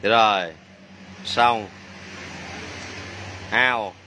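Slow, bright-voiced mechanic man. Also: on the low side, steady tone, a little hiss or hum. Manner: chatty, jokey, exclaims under his breath. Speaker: motorbike mechanic. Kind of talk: hands-on repair demonstration.

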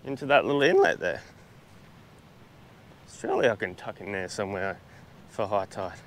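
A man's voice: fairly low pitch, big pitch swings, normal speed, creaky, fairly bright tone, slight background noise. An Australian man chatting casually through a travel vlog on a beach, laid-back, with lots of fillers and restarts, recorded outdoors on a small camera-mounted mic. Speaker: travel vlogger.

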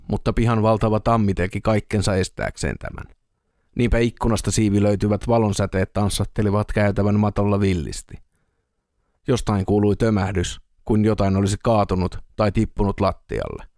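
A man narrates an audiobook in a steady, even storytelling manner. His voice sits low, and the recording is dry and close to the mic. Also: dry recording. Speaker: audiobook reader.

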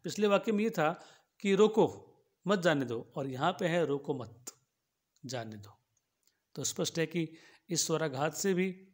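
A man giving a logic lesson, explaining patiently and restating each point in simpler words with everyday examples. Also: fairly high pitch. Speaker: philosophy teacher. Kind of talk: lecture on logic.

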